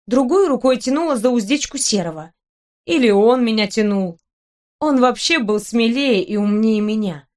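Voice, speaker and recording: A woman reading a first-person story aloud as audiobook narration, with expressive, lively delivery. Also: on the high side, normal speed.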